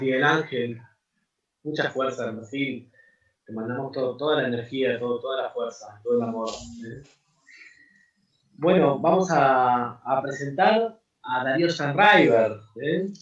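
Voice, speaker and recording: A man moderating an online conference, introducing the next speaker in a friendly, measured way with small tag fillers. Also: medium pitch. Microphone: video call. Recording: echoey, distant, lo-fi call audio.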